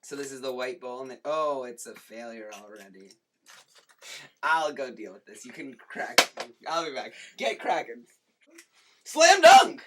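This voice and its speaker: A cooking show host giving a jokey home cooking demo in a kitchen, talking with playful asides and deadpan jokes. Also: medium pitch, normal speed, noisy background.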